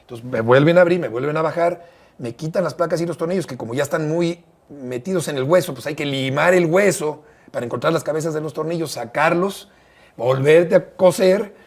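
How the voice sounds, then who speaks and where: A Mexican sports broadcaster, appearing as an interview guest, tells a story conversationally in a husky, fairly high voice with a Mexican Spanish accent. He is measured and detailed, hesitating often as he goes.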